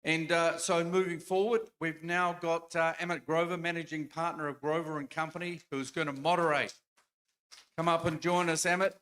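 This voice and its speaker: Man, conference emcee, slightly higher voice, loose delivery with fillers. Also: little pitch movement, moderate pace, fairly bright tone. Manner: loose, off-the-cuff, with frequent fillers. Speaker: event host. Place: conference hall stage.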